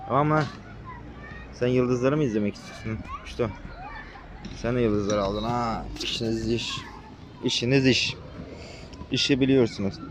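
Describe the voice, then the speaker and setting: A young gaming YouTuber gives casual gameplay commentary, bossing the on-screen characters around in rough, slangy language. His voice sits in the mid range, and there's noise in the background.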